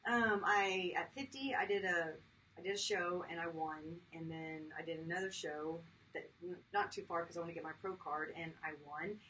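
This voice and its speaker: A woman's voice: lowish voice, steady tone, normal speed, sharp tone. Woman in her fifties, interview guest, chatty and filler-heavy, distant mic, faint noise. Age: 50s. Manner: chatty, laughs easily, many fillers. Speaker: guest, chiropractor. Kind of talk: casual interview talk.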